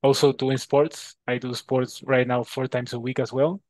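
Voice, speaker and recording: A Peruvian man, a native Spanish speaker with a Peruvian Spanish accent, answers interview questions as a guest, speaking haltingly and often repeating words. His mid-range voice is level in tone and a little mellow.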